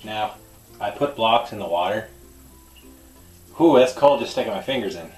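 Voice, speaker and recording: A young man casually introducing his vlog in a deadpan, reluctant way. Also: on the low side, normal speed, faint music behind. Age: young adult. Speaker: vlogger. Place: indoors at home. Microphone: camera mic. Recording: roomy, slightly distant camera microphone.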